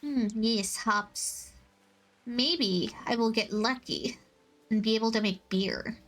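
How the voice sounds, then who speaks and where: A woman's voice: fairly high pitch, takes it slowly. A woman streamer chatting casually with her chat while playing a game, rambling and self-mocking, often laughing at her own jokes. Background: soft background music.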